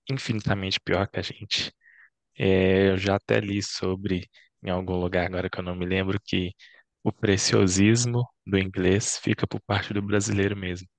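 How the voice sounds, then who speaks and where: A man's voice: lowish voice, vocal fry, no echo. A man with a Brazilian Portuguese accent hosting an online interview over a video call, talking hesitantly with many fillers. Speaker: host.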